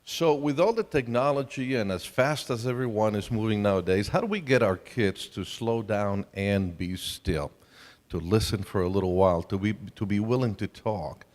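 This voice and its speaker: A man's voice: on the low side, normal speed, a little mellow. A middle-aged man from Colombia, telling stories with self-deprecating humor as he co-presents a family ministry talk. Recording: reverberant hall.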